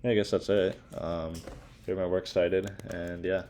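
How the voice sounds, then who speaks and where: A man's voice: deep voice, little pitch movement, a little slow, heavy background noise. A young man giving a casual class presentation, talking informally with many fillers and restarts. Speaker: student presenter.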